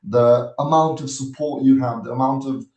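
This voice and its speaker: A man in his thirties from Nepal, giving an earnest, measured webinar talk as a guest speaker, pausing often to find his words. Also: medium pitch, steady tone, mellow. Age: 30s. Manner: earnest, measured, with frequent hesitations. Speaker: guest speaker, army officer. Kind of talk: webinar presentation. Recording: echoey room sound.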